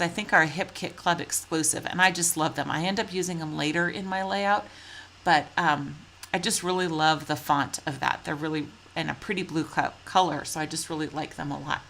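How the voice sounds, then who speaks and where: A woman hosting her own crafting video talks through each step in a relaxed, chatty voice-over, apologizing now and then and filling pauses with ums. Her voice sits on the lower side and carries a lingering chest cold. A faint background hum runs under it. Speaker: scrapbooking video host. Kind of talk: casual crafting process voice-over.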